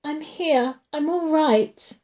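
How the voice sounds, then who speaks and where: A woman's voice: high-pitched, takes it slowly, mellow, voice pushed up. A woman voicing a terrified teenage girl. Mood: frightened. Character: frightened teenage girl trapped in darkness.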